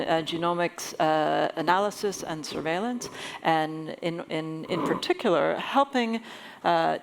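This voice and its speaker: A woman hosts a fireside chat at a summit, her voice low and gravelly. She introduces things formally, with many fillers, and there is faint noise in the background. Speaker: moderator.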